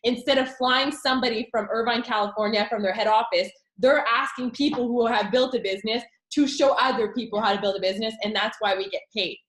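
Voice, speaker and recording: A woman with a fairly high voice talks up her business in a rush of excited chatter, full of fillers and little asides. The sound bounces around a roomy, echoey space. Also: fast, few pauses. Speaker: network marketing consultant. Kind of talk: enthusiastic business pitch. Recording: echoey room.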